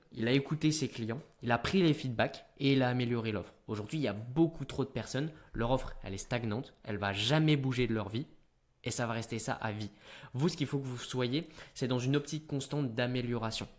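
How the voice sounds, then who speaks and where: A teenage man giving business advice straight to camera in an energetic, punchy way. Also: mid-range voice, brisk. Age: teens.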